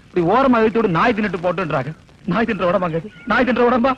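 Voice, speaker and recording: A man's voice: sits high, lively intonation, quick pace, breathy edge, heavily acted. An actor playing a hot-tempered comic village man who grumbles and flares into threats, in a dull lo-fi film soundtrack. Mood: aggrieved. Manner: respectful "sirs" then angry shouting.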